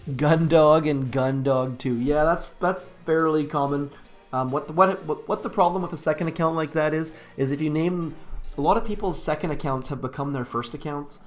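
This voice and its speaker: A man's voice: on the high side, moderate pace, faint music behind. A man live-streaming a strategy game, giving casual, upbeat, rambling commentary, correcting himself and cheering on his troops aloud.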